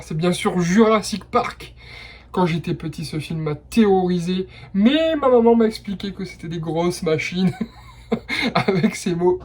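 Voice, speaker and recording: A young man hosting a casual blind test quiz, chatty and enthusiastic, with personal asides between rounds. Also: sits high. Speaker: quiz host.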